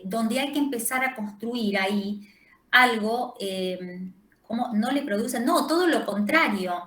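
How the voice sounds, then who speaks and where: A woman's voice: fairly high pitch, a bit bright, roomy sound, poor audio. A woman lecturer with a Rioplatense Spanish accent giving an online class, explaining with frequent hesitations and fillers. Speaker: university lecturer.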